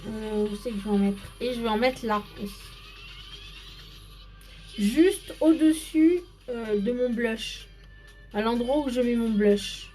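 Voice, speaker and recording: A woman's voice: on the high side, measured pace, long pauses, a little mellow, faint music behind. A woman hosting a casual live makeup stream, chatting to viewers by name and explaining each step as she goes.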